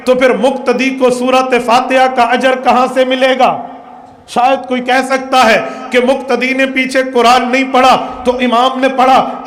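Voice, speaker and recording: A Pakistani man preaches with insistent, rhythmic emphasis, stacking repeated phrases. His voice sits unusually high. It rings out through a large, echoey hall with a long tail of reverb. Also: a bit bright. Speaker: mufti preaching. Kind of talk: sermon. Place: large echoing hall at a seminary gathering.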